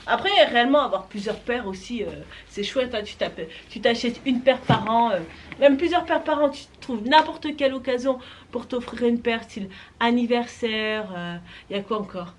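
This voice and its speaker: A woman's voice: on the high side, normal speed, slight background noise. A young woman vlogger talking casually and enthusiastically about roller skates, with many fillers and restarts. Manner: chatty, filler-heavy, enthusiastic. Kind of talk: casual product talk to camera.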